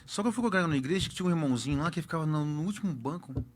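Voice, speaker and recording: Fast, emphatic Brazilian pastor. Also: male voice, on the high side, animated. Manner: emphatic, repeats key words for effect. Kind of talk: personal testimony storytelling.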